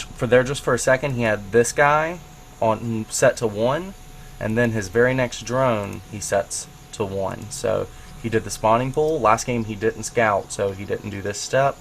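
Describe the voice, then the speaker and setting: A man's voice: on the low side, slight background noise. A man hosting a casual commentary on a game replay, thinking aloud as he checks what the player does. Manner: thinks aloud, grows excited at findings. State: has the hiccups. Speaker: host analyzing a match replay.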